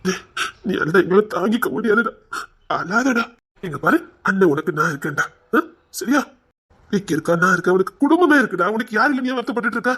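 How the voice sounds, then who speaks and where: Tender elder brother, played by a man, Tirunelveli accent, higher-pitched, consoling delivery. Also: expressive, quick pace, a bit bright, slightly rough, heavily acted. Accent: Tirunelveli Tamil. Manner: soothing, emotional, repeats endearments. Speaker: elder brother in a family drama. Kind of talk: web serial acting.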